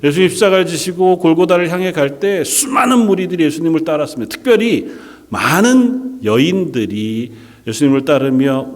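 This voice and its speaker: A male pastor preaching a sermon in a church, with emphatic delivery that swings between loud and quiet and fast and slow. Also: a little high. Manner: emphatic, with strongly varied loudness and pace. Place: church sanctuary. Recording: echoey church hall.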